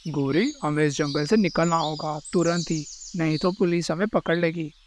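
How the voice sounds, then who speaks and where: A man's voice: fairly high pitch, normal speed, a little hiss or hum, close to an everyday voice. A man voicing a practical, commanding male bird thief in a cartoon. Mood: urgent, practical. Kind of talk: cartoon character voice acting.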